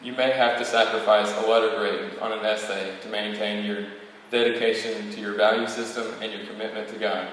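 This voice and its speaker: A young man of about eighteen, the class valedictorian, reads a prepared speech from the podium and stumbles now and then. His voice is fairly low and level, fairly bright, and he moves fairly quickly with hardly any pauses. He is addressing an audience in a large, very echoey hall, picked up by a distant mic with faint noise.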